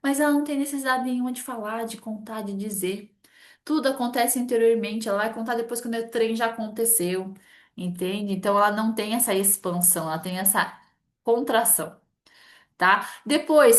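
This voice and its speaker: A middle-aged woman from Brazil, a therapist explaining in a chatty, animated way and acting out little dialogues. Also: a little high. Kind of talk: casual explanatory talk to camera.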